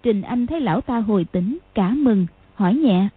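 A woman narrating an audiobook in an even storytelling manner, with a husky voice. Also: medium pitch, moderate pace, no echo. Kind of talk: scripted narration. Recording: tinny phone-like, dry.

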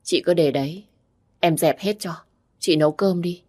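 A woman's voice: lowish voice, moderate pace, warm tone, natural voice. Woman reading a fierce, blunt young village woman. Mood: firm caring. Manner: blunt scolding.

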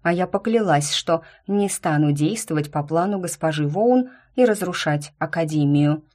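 A woman narrating a first-person fantasy novel in an even, storytelling way. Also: low voice, normal speed. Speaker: audiobook narrator.

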